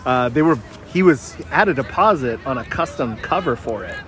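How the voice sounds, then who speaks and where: A man standing outdoors beside a sports field chats casually as a spectator at a soccer game. His mid-range voice is a bit bright, with lively intonation and a normal speaking speed. Crowd and traffic noise from the surrounding urban area fill the background.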